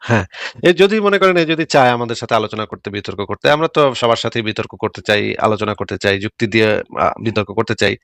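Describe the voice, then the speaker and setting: A man hosting a live stream, commenting quickly and mockingly with rhetorical questions. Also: lowish voice, fairly bright tone, no room sound, studio quality.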